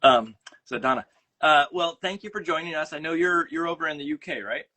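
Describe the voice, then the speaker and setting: A man with a Minnesota accent hosts a casual livestream from his home, talking into a phone on a mount. His voice is bright and forceful, and he rambles along with plenty of fillers and restarts. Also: a little high, a little fast. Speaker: host. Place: home studio room.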